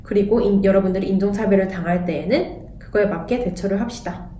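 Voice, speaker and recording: A woman's voice: mid-range voice, fast, dark tone, slight background noise. A young Korean woman talking candidly in a casual vlog, blunt and sarcastic at times. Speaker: vlogger. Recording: echoey room, voice a bit distant.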